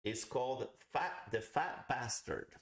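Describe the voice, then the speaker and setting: Speaking in a gravelly, medium-pitched voice, a man hosts a live pipe tobacco review, animated yet a little slow. He rambles casually through explanations, repeating himself for emphasis, in an echoing, roomy home recording.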